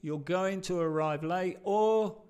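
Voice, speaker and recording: Slow, clear-voiced English teacher man. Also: high-pitched, darkish tone. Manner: explains slowly, repeats example sentences, small slips in Spanish. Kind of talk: Spanish-language English lesson.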